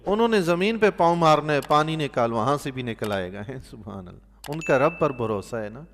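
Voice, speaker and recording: A man, a mosque imam giving Quran commentary, telling stories with animated bursts of loudness and soft, quiet asides. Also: mid-range voice, big-room sound, a little hiss or hum. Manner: animated storyteller, voice swelling loudly on emphatic points; drops to a soft, quiet tone for pious exclamations. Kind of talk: sermon-style Quran commentary with storytelling.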